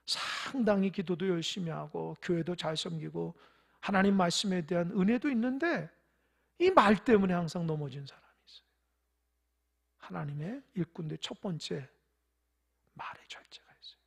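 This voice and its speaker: A pastor preaching a sermon in church, shifting between loud, emphatic stresses and soft near-whispers, and asking the congregation questions. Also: mid-range voice, moderate pace, vocal fry, pauses often, slightly rough. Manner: tells parables, asks the congregation questions.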